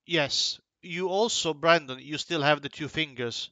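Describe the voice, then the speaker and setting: A man's voice: a little high, a little slow, sharp tone, no echo. A man narrating as game master of a tabletop game, hesitant with many fillers and restarts.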